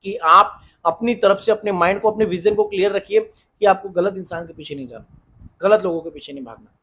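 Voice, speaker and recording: Man, relationship advice, earnest, repetitive, high voice, rapid speech. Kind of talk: casual advice monologue.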